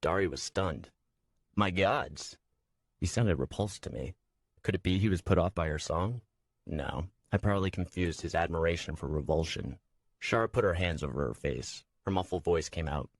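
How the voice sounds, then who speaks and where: A man reading a fantasy audiobook in first person, with measured, even storytelling. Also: low-pitched, dry recording, clean studio sound. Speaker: audiobook narrator. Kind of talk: scripted first-person narration.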